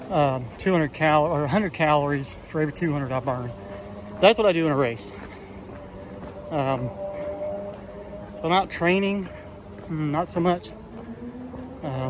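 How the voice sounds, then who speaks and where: A man's voice: fairly high pitch, darkish tone. A man chatting casually to his vlog while out running on a trail, rambling along in a self-amused way into a handheld camera. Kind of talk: casual solo vlog chat. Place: outdoors on a trail. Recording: outdoor ambient noise.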